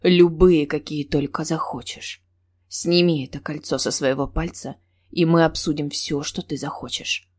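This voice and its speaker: A woman voicing an intense, brooding young man who speaks in a husky, coaxing low whisper. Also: steady tone, normal speed.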